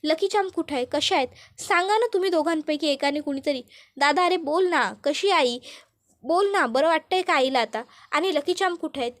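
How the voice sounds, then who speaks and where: A desperate young man pleads again and again for news of his family, as a woman reads his lines. The voice sits high and urgent. It is a plain storytelling voice, with no real attempt to sound male. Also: moderate pace, lightly acted. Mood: frantic. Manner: urgent, repeated pleading questions.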